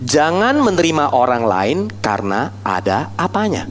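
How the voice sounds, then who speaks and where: A man preaching a sermon with animated delivery. He keeps turning to the congregation with rhetorical questions. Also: medium pitch, normal speed, slight background noise.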